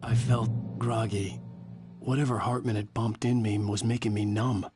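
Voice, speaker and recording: A man's voice: fairly low pitch, flat delivery, normal speed, lightly acted. An actor playing a haunted, sardonic writer who narrates his own thriller in a video game, wry and dramatic. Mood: grim, weary. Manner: wry, sarcastic. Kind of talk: dramatic first-person game narration and dialogue. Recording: loud music behind.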